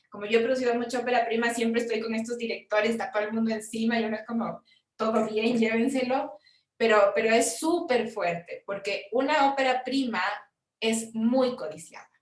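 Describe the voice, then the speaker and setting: A Chilean woman, a film producer, explaining funding forms in a frank, conversational workshop talk with quick asides. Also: fairly high pitch, a bit bright, reverberant, distant mic. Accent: Chilean Spanish.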